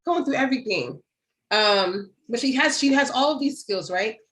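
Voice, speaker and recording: A woman's voice: on the high side, animated, moderate pace, fairly bright tone, low-quality recording. A woman co-hosting a casual podcast, talking things through and putting questions to her co-host. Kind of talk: casual chat.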